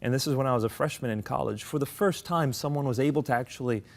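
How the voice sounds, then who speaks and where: A man's voice: mid-range voice, fast talker, gravelly, darkish tone. A young adult man from the United States, a guest in an interview, telling his life story in an earnest, articulate way. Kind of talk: conversational interview.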